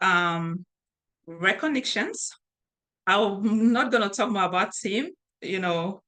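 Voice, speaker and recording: Middle-aged woman from Cameroon, cybersecurity instructor on a webcam call, lowish voice, loose and chatty with many ums. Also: a bit bright. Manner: conversational, with frequent fillers and restarts. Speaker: cybersecurity instructor and training founder. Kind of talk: online training session presentation. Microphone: webcam video call.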